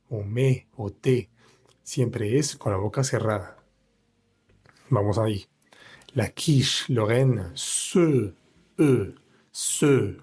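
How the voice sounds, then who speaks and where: A man teaching French pronunciation in Spanish, slowly spelling out words syllable by syllable. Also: mid-range voice, dark tone, slightly rough. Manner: slow, careful, breaks words into syllables. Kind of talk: pronunciation lesson.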